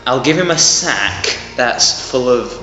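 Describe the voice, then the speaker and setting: A man of middling pitch banters casually as a player in a tabletop game. He is recorded muffled in a very echoey space, with music clearly behind him. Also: expressive, measured pace, pushed and bright. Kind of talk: casual banter during a role-playing game.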